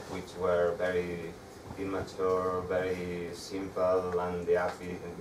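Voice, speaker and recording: A young man with a Spanish accent presents a technical talk to a meetup crowd, his voice low and flat. He stumbles and restarts often as he explains. The sound is distant and roomy, with noise in the background. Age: young adult. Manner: halting, with frequent restarts. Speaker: meetup speaker. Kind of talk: conference talk with slides. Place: dark room with projector screen. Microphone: far camera. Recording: echoey room, distant mic, audible background noise.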